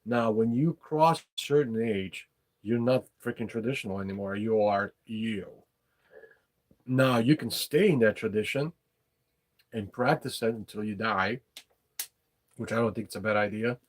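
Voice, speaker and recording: Pausing often at a normal speed, this fairly low-voiced man runs an unscripted live chat in English, which isn't his native tongue. His talk is frank and wandering, with casual swearing sprinkled in.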